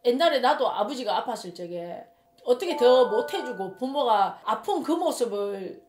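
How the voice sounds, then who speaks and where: A woman's voice: on the high side, lively intonation, moderate pace, darkish tone, a little hiss or hum. A woman shaman with a Gyeongsang Korean accent telling a story in casual monologue, emphatic and rambling, often repeating her words. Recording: roomy echo.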